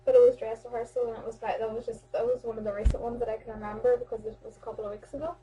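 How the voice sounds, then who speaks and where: A woman's voice: on the high side, steady tone, rapid-fire, noisy background. Chatty young Irish woman vlogging. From Ireland. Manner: chatty, rambling, many fillers and restarts. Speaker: amateur theatre performer. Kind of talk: casual vlog chat.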